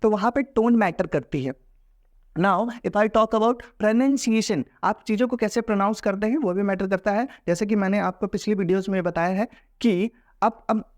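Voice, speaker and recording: A man with an Indian accent teaching a lesson in a casual, explanatory way, mixing Hindi and English. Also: high voice. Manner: explanatory, mixes Hindi and English, acts out example voices.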